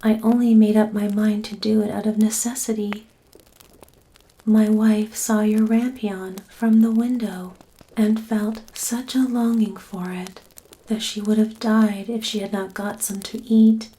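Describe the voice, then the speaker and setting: Lady reading as a worried storybook husband, breathy and mellow, earnest, slow. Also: mid-range voice, flat delivery, close to an everyday voice, low-quality recording. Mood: pleading. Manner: earnest, apologetic. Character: frightened, pleading husband in a fairy tale.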